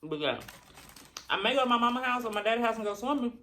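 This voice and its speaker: A woman's voice: on the high side, expressive, fairly bright tone. Chatty woman, chewing while talking. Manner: chewing while talking, pausing between bites; chatty, colloquial, rambling. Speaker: mukbang vlogger. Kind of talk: casual chat to viewers while eating.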